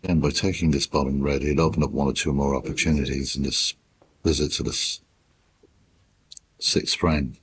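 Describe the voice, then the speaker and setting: Background noise can be heard plainly behind this man, a snooker commentator whose voice is extremely low and whose intonation stays fairly even. His quiet, unhurried delivery resembles a golf broadcast, with brief measured phrases and lengthy silences between them.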